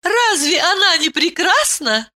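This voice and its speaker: A woman voicing an ancient princess who is stern yet tender and speaks in a high, commanding, sing-song way. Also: sing-song, measured pace, bright, forceful tone, exaggerated voice. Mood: regal, tender.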